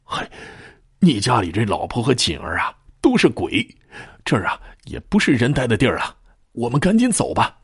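A sly, pushy friend in a spoken ghost story, as a man puts him on, husky and lively in pitch. Recorded dry and close. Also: moderate pace, no echo. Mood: coaxing. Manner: coaxing, pushy. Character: sly scheming male friend, coaxing.

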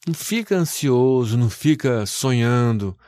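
A male news presenter tells his story in a lively, folksy way, full of exclamations. His voice sits at an ordinary middle pitch. The sound is dry and close, with no room echo. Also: normal speed. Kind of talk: interview storytelling.

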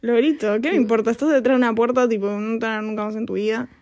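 A young woman with a Rioplatense Spanish accent chats casually with a friend. Her voice sits very high, and she rambles along with lots of fillers. She keeps breaking into giggles. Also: steady tone, a little mellow, highs cut off. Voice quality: giggly, bursts of laughter. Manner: fast, rambling, peppered with fillers. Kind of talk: casual chat.

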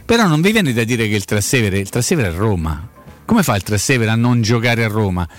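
A man's voice: on the low side, very animated, fairly quick, soft background music. A man with a Roman accent chatting casually about football as a talk show host, colloquial, repeating himself for emphasis.

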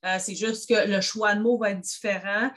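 A woman's voice: mid-range voice, steady tone, moderate pace, a bit bright. Chatty Québécois woman co-host. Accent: Québécois French. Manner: chatty, addresses listeners directly. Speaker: podcast co-host, social worker. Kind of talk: casual advice chat.

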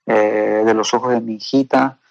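A man with a gravelly, creaky voice tells a heartfelt personal testimony. He speaks haltingly and earnestly, often checking in with tag questions. The sound is close and dry, with no room echo. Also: fairly low pitch, steady tone, darkish tone, muffled recording. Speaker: guest sharing a personal testimony.

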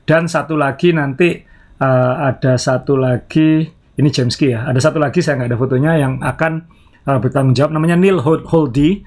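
A man co-hosting a casual podcast chat, explaining things at length and chuckling often. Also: fairly high pitch. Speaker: podcast co-host.

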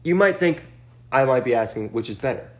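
A man's voice: medium pitch, expressive, a little fast, a little mellow. A man hosting a casual chat, reacting with short remarks and laying out questions. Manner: plays along with short reactions, lays out questions. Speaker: podcast host.

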